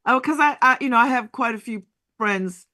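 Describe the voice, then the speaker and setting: A woman who hosts a talk show conducts a casual interview, speaking conversationally and often repeating the first words of her sentences as she feels her way forward. Her voice is fairly high and bright, forceful in tone, at normal speed.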